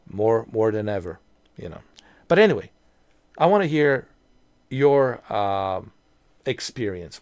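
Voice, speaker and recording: This lowish, slightly mellow voice comes from a video creator in his mid-forties, recorded without echo. He's musing nostalgically to viewers, wandering off topic and restarting frequently, with plenty of fillers.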